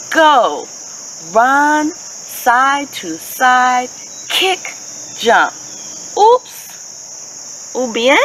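Reading to kids as host of an outdoor story session in a leafy park, a Haitian American woman in her thirties speaks high-pitched, expressive and crisply enunciated, quizzing her young audience as she goes. The recording carries constant outdoor ambience, with insects and birds audible throughout.

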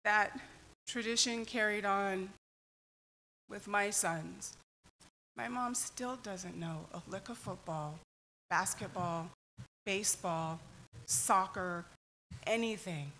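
A woman giving a slow, heartfelt tribute to her mother at a church memorial service. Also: mid-range voice, sharp tone, slight background noise, low-quality recording. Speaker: eulogy speaker, child of the deceased. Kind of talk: memorial eulogy.

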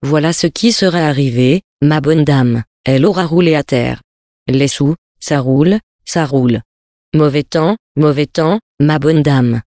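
A reader voicing a sly old male beggar who plays dumb in a slow, mock-humble way, in a storybook reading. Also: medium pitch, a little mellow, no room sound, clean studio sound, natural voice. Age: older.

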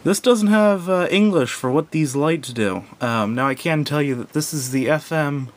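With lively intonation at a normal speed, a man offers a casual, unscripted, hands-on product review that hesitates, rambles and self-corrects. He's indoors at a wooden table, and a low rumble runs through the noisy home recording.

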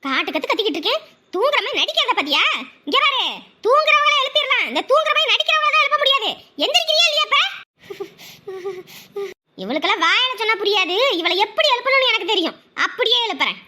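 A woman's voice: extremely high pitch, sing-song, fast, background noise. A woman voicing a scheming, scolding middle-aged stepmother in a cartoon, nagging as she talks. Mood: grumbling. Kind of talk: Tamil cartoon voice acting.

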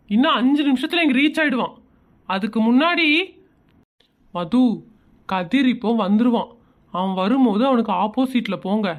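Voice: high-pitched, a bit bright. A woman voicing an impatient, exasperated young man in a comedy cartoon, urging his older sister along.

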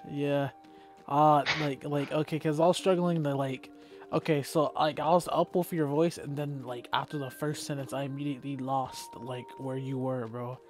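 A man co-hosting a casual let's-play in a rambling, easygoing manner, filling his talk with "like" and "bro". His voice sits at an ordinary middle pitch. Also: fairly even intonation, normal speed, a little mellow, faint music behind. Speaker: game co-host.

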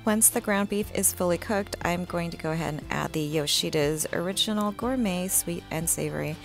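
A young woman talking through her home cooking in a relaxed, chatty voice-over, with frequent ums and little laughs. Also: fairly low pitch, moderate pace, creaky, music in the background. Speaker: home cook vlogger. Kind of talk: casual cook-along voice-over.

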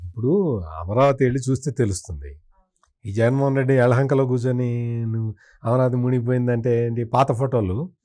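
In an interview, a man offers political commentary with firm opinions, criticising and repeating points for emphasis. His voice is mid-pitched and mellow.

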